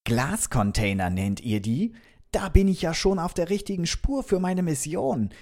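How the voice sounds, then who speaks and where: This man's voice sits fairly high and moves at a moderate pace. Playing a curious, friendly alien robot, he narrates a story for children with lively energy, addressing them directly and quizzing them as he goes.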